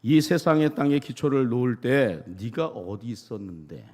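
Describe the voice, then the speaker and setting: A man's voice: medium pitch, very animated, moderate pace, a little mellow, in a large hall. A preacher voicing God questioning a man. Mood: stern. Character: God speaking with a booming voice.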